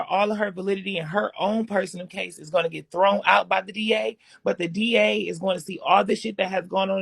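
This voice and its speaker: A young woman co-hosts a casual livestream and gives her opinion. Her voice is gravelly and husky. She talks in a reflective, measured way, and the sound is dry and close. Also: mid-range voice, fairly bright tone, no room sound. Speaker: livestream co-host. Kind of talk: casual chat.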